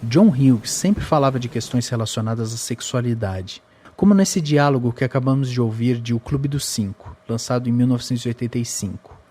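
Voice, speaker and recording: A man with a Brazilian Portuguese accent giving measured, explanatory scripted narration for a film podcast. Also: medium pitch, warm tone.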